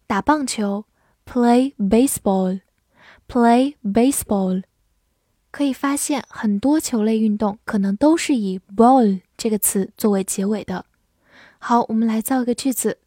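A woman teaching English vocabulary in a scripted lesson, spelling words letter by letter and reading example sentences slowly. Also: a little high, warm tone, no echo, studio quality.

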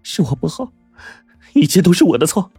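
A man voicing a frightened young wife who pleads in a raised, shrill voice. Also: very animated, brisk, darkish tone, slightly rough, no room sound, soft background music, exaggerated voice. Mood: pleading.

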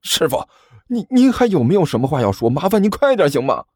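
A man's voice: sits high, very animated, moderate pace, a little mellow, slightly rough, no room sound, clean studio sound, pitched above the performer's own voice, heavily acted. A man voicing a young male disciple who is brash, impatient and whiny, complaining indignantly in a storytelling narration. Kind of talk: storytelling narration with character voices.

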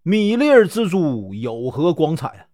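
A man's voice: fairly high pitch, very animated, measured pace, a little mellow. A man voicing a proud, scornful male general of legend in a storytelling recording, with a scolding, haughty manner. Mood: mocking.

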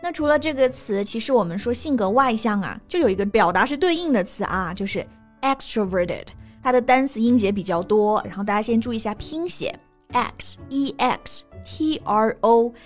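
A woman co-hosting a bilingual English lesson podcast, explaining vocabulary and slowly spelling out words letter by letter. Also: fairly high pitch, expressive, faint music behind. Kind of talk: bilingual English teaching chat.

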